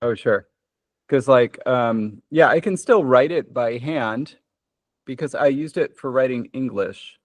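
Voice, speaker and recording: A man's voice: mid-range voice, measured pace, no room sound. An American man talking casually over a video call with a dry, close sound. He rambles and laughs at himself, filling gaps with "um" and "like". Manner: rambling, self-deprecating, with many fillers. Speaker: conlang relay participant.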